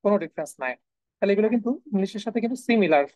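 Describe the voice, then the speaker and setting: A woman's voice: mid-range voice, animated, very fast, darkish tone, no echo, poor audio. A woman teaching a live online class, repeating each sound several times and answering her own questions. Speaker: German language teacher. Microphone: video call.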